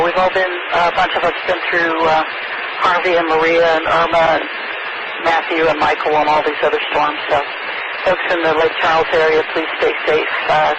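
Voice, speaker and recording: Woman net controller, folksy and polite, storm bulletin style, crackly radio transmission, heavy noise. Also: low voice. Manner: folksy, courteous. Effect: two-way radio. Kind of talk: amateur radio weather bulletin and net chatter.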